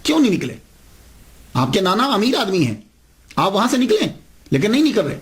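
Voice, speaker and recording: Male preacher, high voice, emphatic sermon storytelling, rhetorical questions. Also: huge pitch swings, fairly quick.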